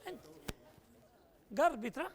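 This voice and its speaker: A man's voice: very high-pitched, animated, moderate pace. A man running a puzzle exercise at a conference workshop, teasing and urging participants, mixing Arabic and English. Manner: playful, teasing, urging people on; switches between Arabic and English.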